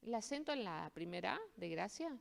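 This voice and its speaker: A woman's voice: mid-range voice, very animated, a little fast, gravelly. A woman in a casual conversation who asks short questions and chimes in with agreement. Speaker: co-host asking questions.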